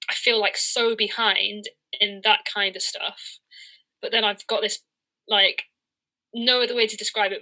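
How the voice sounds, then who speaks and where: A professional cricketer and coach in her early thirties gives a reflective, conversational interview, speaking candidly and hesitantly while searching for words. Her mid-range voice is bright and forceful, though the audio quality is poor.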